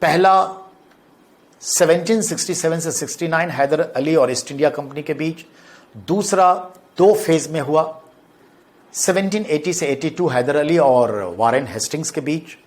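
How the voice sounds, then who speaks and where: A middle-aged man teaching a classroom lecture for exam coaching, repeating key points and dropping to quieter asides. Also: fairly high pitch, normal speed. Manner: explains with repetition, drops to quieter asides.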